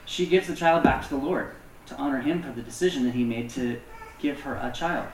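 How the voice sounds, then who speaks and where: A man's voice: medium pitch, a little fast, slight background noise. A man preaching a casual, self-deprecating sermon as pastor, with many fillers. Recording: echoey room, distant mic.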